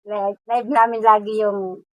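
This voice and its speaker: A woman's voice: mid-range voice, flat delivery, a little slow, no room sound, rough recording. A woman, mother of a sponsored student, giving chatty thanks to the sponsors. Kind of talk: casual thank-you.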